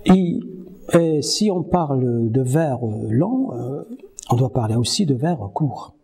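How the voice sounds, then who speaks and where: A man giving a university lecture on French verse, slowly reading poems aloud and counting their syllables. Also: mid-range voice, lively intonation, dark tone. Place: Morocco.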